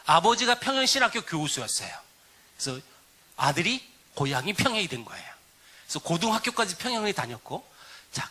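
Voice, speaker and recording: A middle-aged man preaching a sermon as a pastor, telling a story with lively swings and hushed quiet stretches. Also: sits high.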